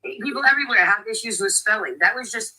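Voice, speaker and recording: A woman's voice: fairly high pitch, lively intonation, fast talker, bright, forceful tone, poor audio. A woman in casual chat, speaking earnestly and sympathetically.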